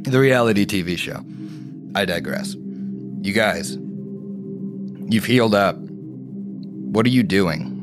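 A man narrating as game master of a tabletop game in a measured, dry way. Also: lowish voice, over music.

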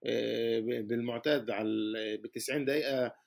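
A man's voice: medium pitch, steady tone, brisk, gravelly. A man with a Palestinian Arabic accent giving casual football analysis as a guest, arguing his case point by point.

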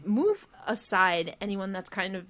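Young american woman, podcast guest, lively storytelling, casual chat. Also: medium pitch, measured pace. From United States. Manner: animated storyteller, acts out quotes.

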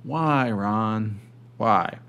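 A man's voice: lowish voice, extremely slow, fairly bright tone, smooth. A man hosting a casual comedic commentary chat, talking informally and joking. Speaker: show host.

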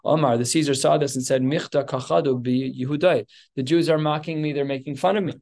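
A man's voice: on the high side, steady tone, quick pace, a little mellow. A man teaching a Talmud class, reading Aramaic phrases and explaining them in plain English with fillers and restarts.

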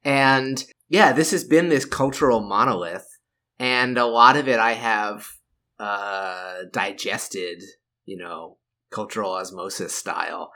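A man's voice: lowish voice, slow, bright, forceful tone. A man in his thirties co-hosting a podcast, rambling in casual chat, mocking himself and laughing often. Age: 30s. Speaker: podcast co-host.

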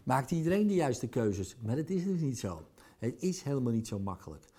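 A man's voice: medium pitch, sing-song, fairly quick, dark tone, slight background noise. A man speaking in a blunt, provocative, conversational monologue, dropping in crude words as a speaker or coach. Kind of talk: casual monologue.

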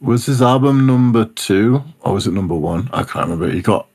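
A man's voice: fairly low pitch, animated, a little fast, darkish tone, breathy edge. A young man, bantering casually about music in a laid-back, slangy way.

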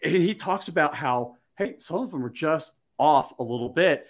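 A man's voice: fairly high pitch, lively intonation, normal speed. A man from Maryland, hosting a podcast, telling a story in casual chat and acting out the quoted dialogue. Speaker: podcast host.

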